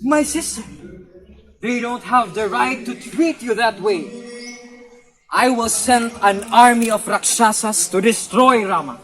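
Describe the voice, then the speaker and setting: A man's voice: very high-pitched, measured pace, a bit bright. A man voicing a proud, commanding demon king in an amateur short film. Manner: boastful, commanding.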